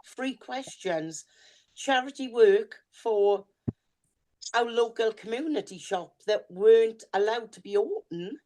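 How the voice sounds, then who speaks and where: This is a chatty, down-to-earth Welsh woman co-hosting a podcast and doing readings, talking casually right to her listeners. Her dark, mid-range voice is a little worn and growing hoarse.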